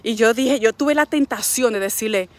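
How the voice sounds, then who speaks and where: A woman's voice: a little high, normal speed. A middle-aged Dominican woman speaking with a Dominican Spanish accent, a wellness coach giving a frank, preachy, faith-based motivational talk. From Dominican Republic.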